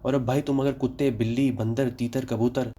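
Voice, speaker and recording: A man's voice: mid-range voice, flat delivery, mellow. A young man from Pakistan delivering a sarcastic comic monologue, then giving health advice. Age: young adult. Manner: sarcastic rapid-fire jokes. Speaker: comedy vlogger.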